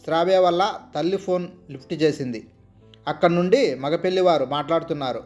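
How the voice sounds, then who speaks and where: High-voiced man narrating a story. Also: fairly quick, soft background music. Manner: steady, expressive reading aloud. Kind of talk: narrating a family drama story.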